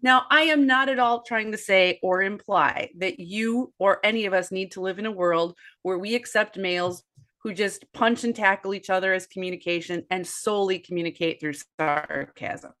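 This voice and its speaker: Woman, 40s, podcast guest and author; earnest, animated storyteller. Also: medium pitch, moderate pace. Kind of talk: conversational podcast discussion.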